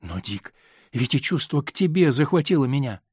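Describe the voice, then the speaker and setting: A male reader voicing a torn, pleading married woman in an audiobook, speaking softly. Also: medium pitch, very animated, moderate pace, slightly rough, no echo. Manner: soft and pleading. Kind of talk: audiobook character reading.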